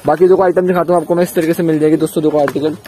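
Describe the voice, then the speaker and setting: Eager young man showing wares, fast. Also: fairly high pitch, flat delivery, dark tone, a little hiss or hum. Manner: eager, repeats praise, addresses viewers as friends. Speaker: YouTube business vlogger. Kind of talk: enthusiastic product showcase vlog. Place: crowded wholesale shop.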